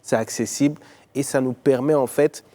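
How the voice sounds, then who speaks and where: A man from Congo, raised in Belgium and Ivory Coast, speaking as an entrepreneur guest on a talk show in a measured, thoughtful way with frequent hesitations. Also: mid-range voice, steady tone, warm tone.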